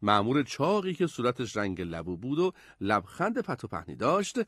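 Man, storybook narrator, husky, lively pitch, dry close recording. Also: no room sound. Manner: expressive, animated storytelling.

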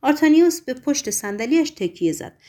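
A woman narrating a novel as an audiobook in a measured, literary reading. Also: high-pitched, very animated, dark tone.

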